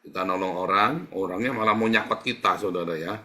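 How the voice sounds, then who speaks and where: A man's voice: low-pitched, fast, sharp tone. A man preaching a sermon in a conversational way, asking the congregation questions and answering them himself. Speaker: pastor.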